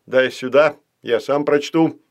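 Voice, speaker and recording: A man voicing an excitable, boastful little boy doll in a children's audiobook, loud and eager. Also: mid-range voice, normal speed, close to an everyday voice. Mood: excited.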